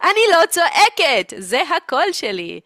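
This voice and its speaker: A woman's voice: high-pitched, big pitch swings, bright, forceful tone, no echo, studio quality, voice pushed up, exaggerated voice. A woman voicing a melodramatic, put-upon middle-aged mother who complains theatrically and lays on the guilt. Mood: insistent.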